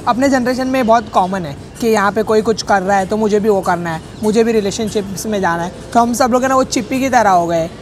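Rambling jokey young man vlogging. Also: high-pitched. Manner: rambling, jokey, self-correcting. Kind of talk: casual vlog talk. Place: public cafe. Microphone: handheld camera.

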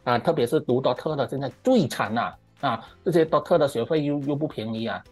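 Middle-aged man, Malaysian Mandarin accent, husky voice, emphatic ranting commentary, faint music underneath. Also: medium pitch, a little mellow. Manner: emphatic and ranting, drawn-out "ah" particles, English words mixed in. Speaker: current-affairs commentator. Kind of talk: opinionated monologue commentary.

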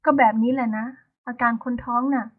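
A woman tells a romance story aloud in a lively narrating voice, slipping into the characters as they speak. Her voice sits a little high. The sound is narrow and thin, like over a phone line. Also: brisk. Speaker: audiobook narrator.

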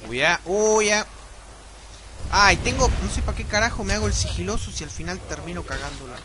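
A young man with an Argentine accent giving casual, profane let's-play commentary, yelping and shouting at the game. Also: high voice, a little fast, noisy background. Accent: Argentine Spanish.

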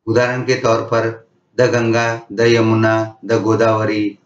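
A man teaching English grammar, reading each rule slowly and then explaining it in Hindi. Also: lowish voice, level tone, distant mic. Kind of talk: slow, deliberate grammar lesson. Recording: echoey room, dull lo-fi sound.

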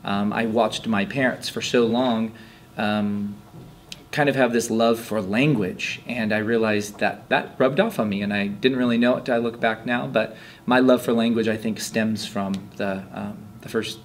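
A man in his thirties, an English teacher, answering interview questions in a relaxed, halting way in a classroom. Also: fairly low pitch, a little hiss or hum. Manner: relaxed, halting, many fillers. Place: classroom, indoors. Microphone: handheld mic held by interviewer.

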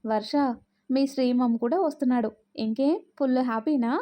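Storybook young mother, gentle and polite, read by a woman, highish mellow voice. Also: moderate pace, lightly acted. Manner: polite, soft-spoken.

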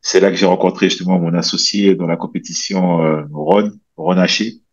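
A bodybuilder and coach in his thirties, originally from French Guiana, joins a casual interview chat as a guest on a video call, wearing a headset in a small room at home. He speaks at normal speed, his low voice carrying a slight huskiness, and rambles comfortably with many fillers and restarts. The call sounds a little dull.

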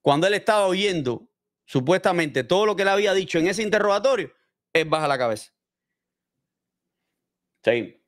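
A man's voice: high voice, animated, brisk, pauses often. A man hosting a casual true-crime commentary, explaining with gestures and asking his viewers rhetorical questions. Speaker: host commenting on a criminal case.

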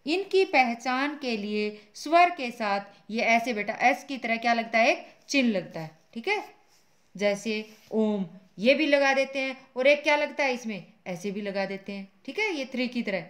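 A woman's voice: on the high side, lively intonation, moderate pace, few pauses, a bit bright. Woman teacher quizzing her class. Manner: asks students questions and answers them herself; calls students "beta", patient and repetitive. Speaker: Hindi teacher. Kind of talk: online class lecture. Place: school classroom.

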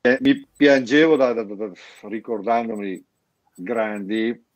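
Deep-voiced rambling man from Brescia. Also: unhurried, dry recording. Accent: Brescian Italian. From Brescia area, northern Italy. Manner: rambling, many restarts and repeated words. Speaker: guest, founder of an artists' collective. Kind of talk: casual interview chat.

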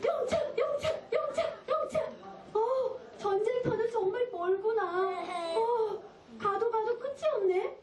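A woman's voice: very high-pitched, takes it slowly, a crowd in the background, pitched above the performer's own voice. A woman voicing an eager, obedient young shepherd boy in a Bible story, chirpy and earnest. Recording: echoey room from far off, children nearby.

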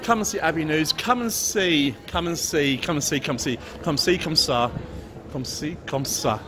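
An English man with a somewhat high voice, speaking at a normal pace, films a casual walking vlog as he tours a busy outdoor Christmas market, holding a gimbal-mounted camera. He's chatty and jokey, chuckling while talking with stallholders. The street crowd's chatter and noise fill the background.

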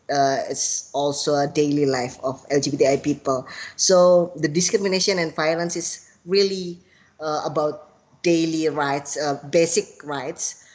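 A young man with an Indonesian accent, speaking to camera about his own life in a halting way, with many filler sounds. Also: on the high side. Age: young adult. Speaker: activist. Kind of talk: personal testimony to camera. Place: outdoors in front of a tiled roof. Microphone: webcam-style close framing.

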